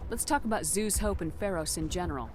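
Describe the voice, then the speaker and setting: Woman playing Commander Shepard, brisk and composed. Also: fairly low pitch, noisy background, close to an everyday voice. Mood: composed, inquiring. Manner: direct, inquisitive, professional. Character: composed, direct female military spaceship commander. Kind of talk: video game dialogue acting. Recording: game audio with music behind.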